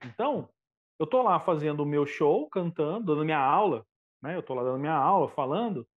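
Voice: mid-range voice, animated, fairly quick, phone-quality sound. A teacher in casual podcast chat, talking animatedly and jumping into the voices of the people he quotes.

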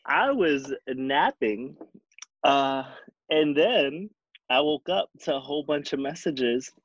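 A man chats casually as a guest, relaxed and easygoing in his delivery. His mid-pitched voice comes through muffled and lo-fi, with a dry, close sound and no room echo. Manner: relaxed, chatty, with fillers and laughs. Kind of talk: casual fan chat. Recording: dry, dull lo-fi audio.

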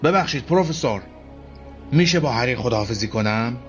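A man voicing a huge, shaggy male half-giant who is gruff but tender-hearted, speaking earnestly. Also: mid-range voice, animated, lightly acted. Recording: dull lo-fi radio-play recording. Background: faint music.

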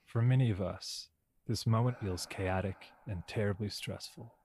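A man leading a guided meditation in a hushed, slow voice, repeating calm affirmations. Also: fairly low pitch, slight background noise.

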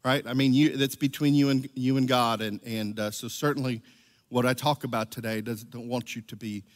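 A man's voice: mid-range voice, fairly even intonation, normal speed. Middle-aged male preacher in a reverberant church. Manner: chatty storytelling, keeps asking "right?". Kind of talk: conversational sermon. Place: church sanctuary. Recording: long reverb of a large church hall.

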